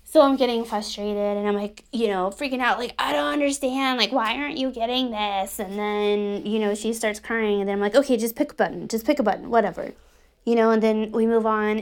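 A woman's voice: medium pitch, darkish tone, clear, resonant tone. A mother in her thirties in a candid personal vlog, talking bluntly and profanely, rambling with many restarts.

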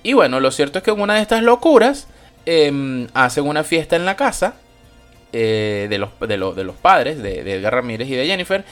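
A man's voice: medium pitch, big pitch swings, normal speed, fairly bright tone, faint music behind. A man with a Venezuelan accent hosting a podcast, chatting casually about a film in a rambling, slangy and profane way. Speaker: podcast host reviewing a film. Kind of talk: casual chat.

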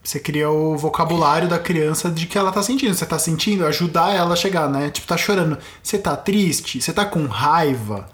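A woman with a Brazilian accent in a casual chat who chimes in quickly, finishes her friend's points and jokes. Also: low voice, animated. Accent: Brazilian Portuguese.

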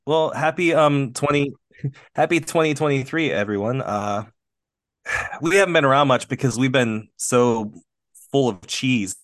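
A man's voice: mid-range voice, measured pace, a bit bright, dry recording, studio quality. A man co-hosting a podcast, chatting casually in a rambling, self-deprecating way, often laughing. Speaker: podcast co-host. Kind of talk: casual chat.

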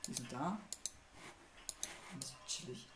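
A man commentating his way through a horror game, muttering to himself and swearing under his breath when things go wrong. His voice sits at an ordinary pitch and rings around an echoey room. A steady hiss of noise and mouse clicks sit behind him. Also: slow. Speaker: gamer playing a horror game. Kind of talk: casual let's-play commentary.

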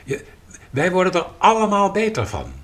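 A man's voice: high voice, huge pitch swings, normal speed, a bit bright. A man talking on a podcast, explaining his views with emphasis and acting out little quoted dialogues. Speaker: podcast guest and writer. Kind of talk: conversational podcast talk.

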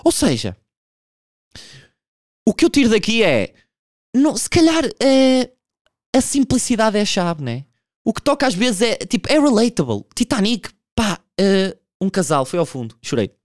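A man's voice: high-pitched, big pitch swings, normal speed, no room sound, clean studio sound. A young man doing a casual, profane stand-up monologue, telling a story with vocal impressions. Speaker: stand-up comedian.

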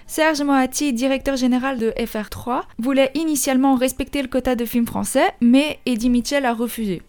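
A woman's voice: on the high side, darkish tone. A woman with a Belgian French accent hosting a music-history podcast, reading a script and adding chatty, joking asides. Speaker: podcast host.

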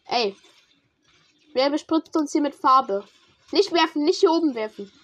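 A woman's voice: high-pitched, lively intonation, a little slow, fairly bright tone. A young woman giving casual, slangy commentary to a teammate while playing a game. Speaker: gamer streamer.

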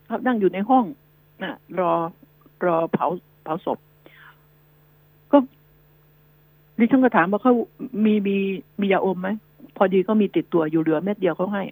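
Gravelly woman on radio chatting and rambling on with advice, dry close sound. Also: medium pitch, animated, a little slow, pauses often, dry recording, phone-quality sound. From Thailand. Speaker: radio news show host. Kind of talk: casual radio talk.

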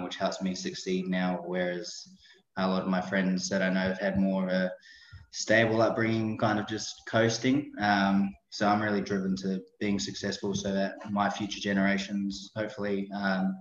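A man's voice: low-pitched, flat delivery, moderate pace. A man chatting casually as an interview guest on a remote call. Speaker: podcast guest, personal trainer. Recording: dull roomy online call audio.

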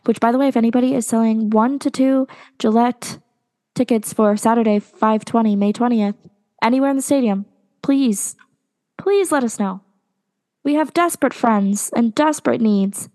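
A young woman co-hosting a casual podcast chat, talking with lots of ums and pauses. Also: a little high, darkish tone. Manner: chatty, hesitant with many ums. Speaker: podcast co-host.

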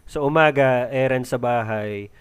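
A man's voice: mid-range voice, moderate pace, clear, resonant tone, no echo. A man co-hosting a livestream chat, asking casual questions and laughing along. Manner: curious, asks questions, laughs.

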